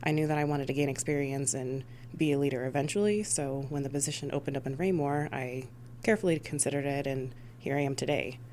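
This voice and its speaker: An emergency dispatch supervisor from the United States, with roots in Missouri and Rhode Island, answers interview questions conversationally. Her voice is rumbling low and a little mellow, and she talks fast, with a little hiss or hum on the recording.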